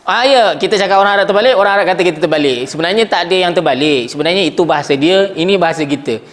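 Male language teacher, high pitch, lively classroom lecturing, keeps checking the class follows. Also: rapid-fire. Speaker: Arabic grammar teacher.

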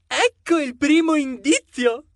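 A man voicing a boastful, excitable male mouse sidekick who talks eagerly. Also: very high-pitched, slow, dry recording, voice pushed up, heavily acted.

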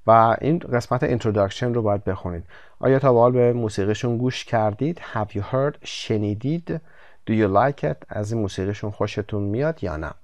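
A man whose first language is Persian, teaching an English textbook lesson, explaining in Persian and reading the English slowly and carefully. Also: fairly low pitch, darkish tone, no echo. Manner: switches between Persian explanation and slow, careful English read-aloud.

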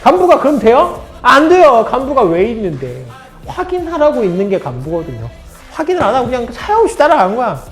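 Animated man telling an army story. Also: very high voice, a little fast, soft background music. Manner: animated, acts out dialogue of others. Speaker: former army officer sharing advice.

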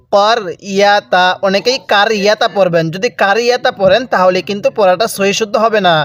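A man teaching Quran reading, slowly drawing out example words and then explaining the rules. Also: high-pitched, no room sound. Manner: slow drawn-out recitation of example words, then brisk explanation. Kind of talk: recitation lesson, spelling out words.

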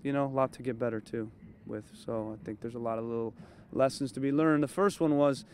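A man in his thirties gives a thoughtful postgame interview as a head coach, standing outdoors at night close to a handheld mic. His voice sits at an ordinary middle pitch, and his speech is measured and full of fillers. Faint outdoor ambience hums behind him. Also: steady tone, darkish tone, a little hiss or hum. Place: outdoors at a training field at night. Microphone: handheld interview mic held close.

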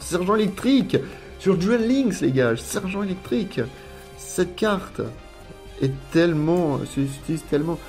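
A man's voice: mid-range voice, darkish tone. A French man casually commenting as he unboxes a card collection, rambling and repeating words as he lists card names. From France. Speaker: YouTuber unboxing trading cards.

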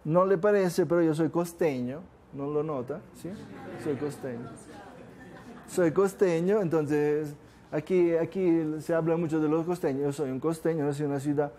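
A man's voice: a little high, steady tone, normal speed, mellow. An older man from southern Italy, a native Italian speaker, gives an informal seminar talk to a class and keeps asking the room questions. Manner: conversational, asks the room questions often. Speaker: course speaker.

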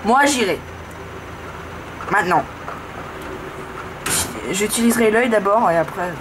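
A woman giving casual, excitable horror game commentary, urging the player on. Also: a little slow. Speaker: gaming video host. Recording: noisy room, low-grade camera audio.

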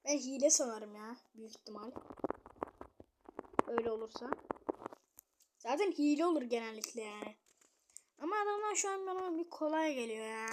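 Young woman, high-pitched, chatty gameplay commentary, mutters then yells, faint noise behind. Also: lively intonation, moderate pace, pauses often. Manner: chatty, swings between muttering and loud outbursts at opponents. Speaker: gamer streamer.

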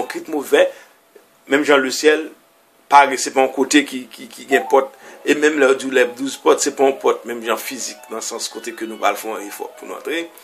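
A man preaching as a pastor, reading verses aloud and explaining them in loose, halting phrases. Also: mid-range voice, gravelly, a bit bright. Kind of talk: sermon reading and explaining scripture.

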